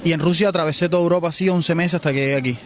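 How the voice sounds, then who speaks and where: Speaking very fast with fairly even intonation, a Cuban man in his twenties responds forcefully to a street interviewer in an outdoor city setting. He has a Cuban Spanish accent and a slightly high voice.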